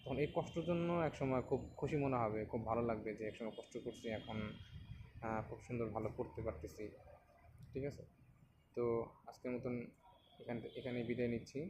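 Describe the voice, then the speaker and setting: A man teaching a beginners' reading lesson, patiently explaining and repeating each letter slowly for learners to copy. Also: mid-range voice, steady tone, noisy background. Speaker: Quran teacher.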